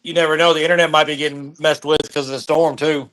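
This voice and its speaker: A man on a video call, calmly giving practical advice in a casual chat. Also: on the high side, fast talker, poor audio. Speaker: guest on the call.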